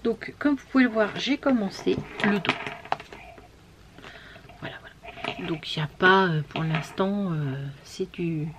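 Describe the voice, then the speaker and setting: A woman chatting casually while showing her knitting, with many fillers, often trailing off into soft murmurs and whispers. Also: medium pitch, normal speed, hardly any pauses, noisy background. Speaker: knitting vlogger.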